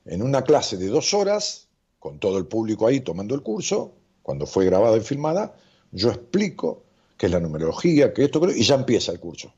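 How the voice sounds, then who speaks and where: Un psicólogo rioplatense que lee comentarios en vivo, con voz oscura y ronca y tono muy cambiante. Suena relajado y disperso, lleno de muletillas. La grabación es opaca y de baja fidelidad. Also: male voice, lowish voice, brisk, slightly rough. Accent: Rioplatense Spanish. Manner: animated, rambling, jokey, with many fillers. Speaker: psychologist hosting a live stream. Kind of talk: casual live-stream chat reading viewer comments. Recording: dull lo-fi stream audio.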